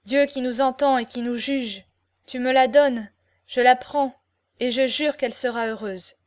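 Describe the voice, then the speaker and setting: Give me a woman reading an ardent young male lover, declaiming with passion, fairly high voice. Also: steady tone, a little slow, natural voice. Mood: exalted. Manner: impassioned declamation. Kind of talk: audiobook character reading.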